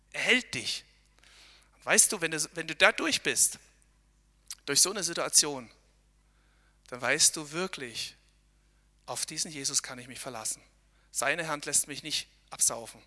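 Earnest male preacher, talks straight to the listener, sharp and tense tone, a long ringing echo. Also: on the high side. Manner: earnest, addresses listeners directly with tag questions. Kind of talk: devotional talk while hiking. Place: outdoors on a mountain trail.

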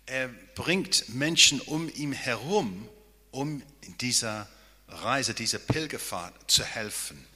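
A man's voice: medium pitch, expressive, slow pace, sharp tone, husky. A man preaching a sermon as pastor, earnest and often checking in with his listeners with a questioning "ja?". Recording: long hall reverb.

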